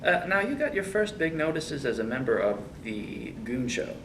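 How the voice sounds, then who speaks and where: A man's voice: mid-range voice, big pitch swings, moderate pace, a bit bright. A man playing a mock-formal, over-polite interviewer in a comic sketch. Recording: distant mic with faint hiss.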